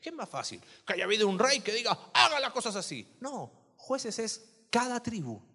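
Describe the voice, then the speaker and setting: Pastor guy chatting thru a sermon, kinda high voice, lots of questions, echoey church. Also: sing-song, normal speed, sharp tone. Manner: conversational, asks the congregation questions.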